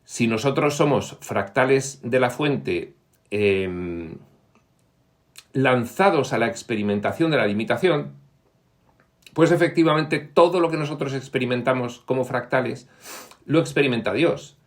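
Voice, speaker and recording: A man giving a reflective explanatory talk on spiritual teachings, pausing often with fillers and reading quoted passages in a raised, livelier voice. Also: mid-range voice. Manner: reflective, pauses with frequent fillers.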